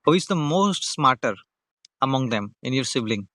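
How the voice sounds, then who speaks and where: A man's voice: mid-range voice, expressive, moderate pace, pushed and bright, no echo, studio quality. A man from India with an Indian English accent, hosting a friendly, teasing English practice chat over a video call and repeating his questions. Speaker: conversation practice host.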